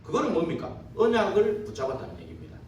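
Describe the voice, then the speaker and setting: A man preaches to his congregation in a fairly high voice that swings widely in pitch, asking rhetorical questions and checking for agreement with tag questions. He sounds distant from the mic, and his words ring through a very echoey church hall over a faint hiss. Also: huge pitch swings, fast, a little mellow, lo-fi sound. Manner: poses rhetorical questions to the listeners. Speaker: pastor. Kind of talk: sermon. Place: church sanctuary during a service.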